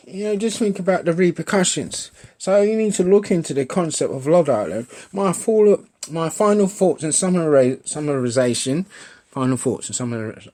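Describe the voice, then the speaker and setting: A man's voice: fairly high pitch, a little mellow. A man in his fifties with a British accent, ranting his opinions bluntly in a casual vlog, swearing freely and repeating himself. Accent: British English. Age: 50s. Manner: blunt, repetitive, swears a lot, says mate. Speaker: vlogger.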